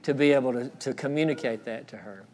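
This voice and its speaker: Earnest and a little fast, a middle-aged male pastor with a medium-pitched voice preaches in a church sanctuary. He repeats phrases and lowers to a soft hush when delivering quoted words.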